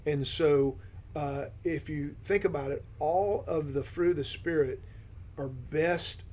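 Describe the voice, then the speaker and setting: A man on a ministry team who guides a podcast discussion, affirming his partner and posing questions in a steady manner. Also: a little high, slow pace. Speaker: discipleship ministry team member leading the discussion.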